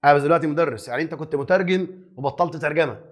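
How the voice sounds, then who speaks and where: Egyptian male English teacher, high-pitched and rapid, lively lecturing style with rhetorical questions. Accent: Egyptian Arabic. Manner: lively, teasing, asks and answers his own questions. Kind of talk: exam review lesson.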